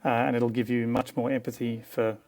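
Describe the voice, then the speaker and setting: Speaking a little fast with a medium, fairly flat pitch and a slightly mellow tone, a middle-aged Australian man appears as a guest osteopath and clinic co-director. In this conversational interview he is frank, thoughtful, and opinionated.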